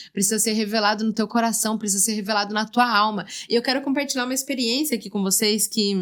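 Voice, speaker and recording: A woman's voice: medium pitch, a bit bright. A woman hosting a podcast, giving an earnest devotional teaching and repeating her phrases for emphasis. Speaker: podcast host.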